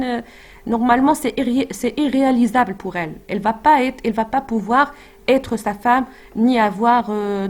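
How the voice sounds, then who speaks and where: A woman teaching French literature, talking through a scene with frequent fillers and restarts, reading quoted lines aloud. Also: fairly high pitch. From Morocco. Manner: hesitant, many fillers and restarts. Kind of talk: explaining a literary text.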